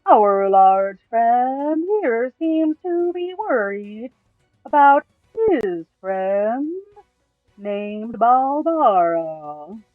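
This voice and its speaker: A man voicing a slow, dreamy male adventurer who talks like a friendly salesman, drawn out and far-off. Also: extremely high pitch, big pitch swings, no echo, faint music behind, voice pushed up, heavily acted. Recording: tinny, phone-like, dry.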